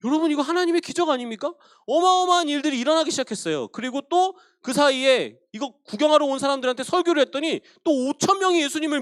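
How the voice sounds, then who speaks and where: Animated male preacher with a high voice. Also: dry recording, clean studio sound. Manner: animated storytelling, addresses listeners directly. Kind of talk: sermon.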